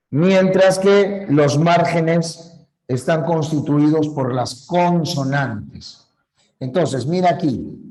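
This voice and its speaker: A man's voice: a little high, a little mellow, rough recording. A man teaching a grammar lesson, explaining patiently and repeating key points, correcting himself when he slips. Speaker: language teacher. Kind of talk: slow classroom lecture.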